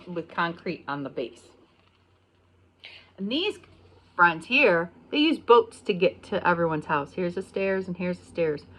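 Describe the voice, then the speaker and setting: A pre-kindergarten teacher, a middle-aged American woman, reads a picture book aloud, pausing on key words and explaining things plainly. Her pitch is medium and her tone slightly bright.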